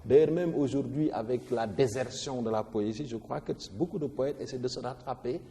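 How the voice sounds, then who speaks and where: In a room with lingering reverb, a man with a mellow, dark, medium-pitched voice teaches a poetry lesson at normal speed. He explains verse rhythm as if at the board, stressing the accented syllables heavily and frequently starting words over.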